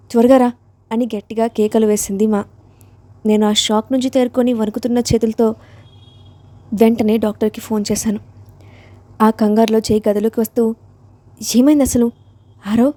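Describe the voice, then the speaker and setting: A woman's voice: on the high side, warm tone, no echo. A woman narrating a story in the first person, with an emotional storyteller's delivery.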